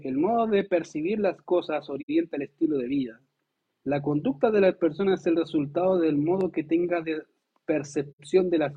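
A pastor delivering a lively, conversational sermon, asking the congregation rhetorical questions and acting out quotes. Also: male voice, on the high side, slightly rough. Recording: tinny phone-like sound.

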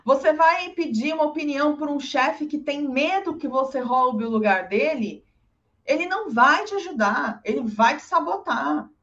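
The recording is dull and lo-fi, carrying a woman whose voice sits high and whose speed is normal. In a casual advice chat she stays animated, regularly acting out other people's speech.

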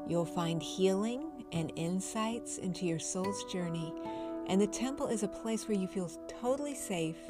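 A woman leading a guided meditation in a soft, soothing, unhurried spa-like voice, repeating words as she goes. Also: medium pitch, lively intonation. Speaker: host of a healing show and guided-journey leader. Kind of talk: slow guided meditation narration. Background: music behind the voice.

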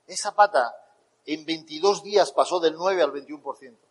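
A man with a Spain Spanish accent giving a motivational talk, telling animated stories and acting out the dialogue. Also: fairly high pitch, moderate pace, slightly rough, in a large hall, low-quality recording. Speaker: motivational speaker.

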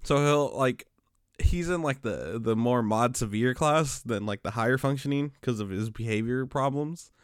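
With a clean-toned, mid-range voice at normal speed, this podcast co-host spins laid-back, slang-filled tales of his work teaching special education, restarting often in the casual chat. It's studio quality with no echo.

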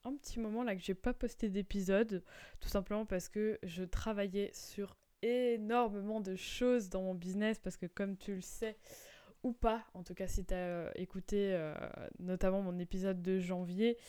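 A woman's voice: mid-range voice, fairly even intonation, moderate pace, dark tone, smooth. A young woman hosting her own podcast as a business coach, talking casually with many fillers and restarts. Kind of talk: casual solo podcast talk.

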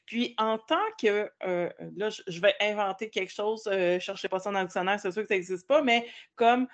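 A woman's voice: mid-range voice, steady tone, moderate pace. A woman with a Québécois accent hosts a podcast with a loose, colloquial way of talking. She backs up her guest with frequent affirmations and asks long, winding questions. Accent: Québécois French. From Quebec. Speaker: podcast host. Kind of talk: casual interview chat.

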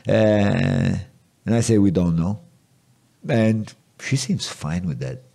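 A man hosting a conversational interview, asking thoughtful questions in a halting way with many restarts. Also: on the low side, animated, dark tone. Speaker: podcast host.

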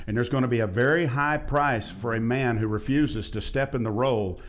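A man, a pastor preaching fiery and emphatic in a discussion, rising to loud peaks. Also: mid-range voice, normal speed.

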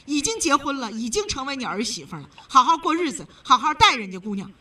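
A woman's voice: high-pitched, very animated, fast talker, sharp tone, recorded from a distance. A woman hosting a call-in advice radio show, blunt and emphatic, lecturing the caller.

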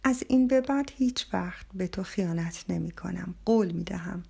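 An upset middle-aged husband pleads and argues with rising urgency, as a woman reader puts him on. The voice stays husky and gravelly. It is an audiobook figure. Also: on the low side, warm tone, full character voice. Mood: pleading.

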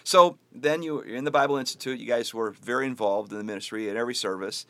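A male pastor leads a casual interview with one of his members, chuckling along and filling the gaps with quick yeahs. His voice sits at an average pitch. It is recorded close and dry, with no room sound. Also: sharp tone, no room sound. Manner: laughs often, affirms with frequent yeahs.

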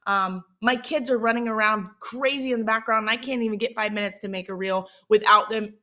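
Bright-voiced woman with a Southern Mississippi accent. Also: on the high side, steady tone, fairly quick. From Mississippi, United States. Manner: informal, explanatory, often checking in with "okay?" and "right?". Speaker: host of a branding and marketing show. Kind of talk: conversational instructional podcast.

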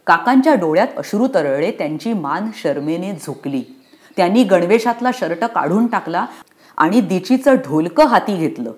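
Low-voiced woman reading a storybook. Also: moderate pace. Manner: expressive, rhythmic reading. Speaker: narrator. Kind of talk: storybook narration.

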